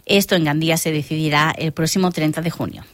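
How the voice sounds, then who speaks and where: A woman the reading local radio news in a clear, measured way. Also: low-pitched, steady tone, no echo. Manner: clear, measured newsreader delivery. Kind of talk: read local news bulletin. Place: radio studio. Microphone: studio microphone.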